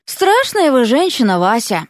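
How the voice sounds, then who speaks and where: A woman's voice: sits high, sing-song, unhurried, dry recording, clean studio sound, voice pushed up. A woman voicing a flustered, exasperated young male magister who protests and gives in.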